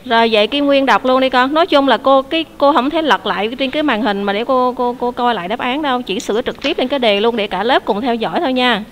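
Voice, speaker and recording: Woman teacher, slightly high voice. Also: fast talker, few pauses, slight background noise. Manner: explains patiently, asks students questions. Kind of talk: online English class.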